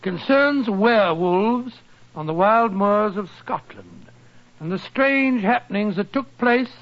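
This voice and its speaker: Casting: genial older English doctor-storyteller, blustery and avuncular, high swooping voice, vintage radio mystery. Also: male voice, lively intonation, takes it slowly, heavily acted. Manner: avuncular, blustery, easily flustered. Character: genial, fussy older English doctor telling his adventures. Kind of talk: 1940s radio drama acting and storytelling. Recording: dull lo-fi 1940s radio recording.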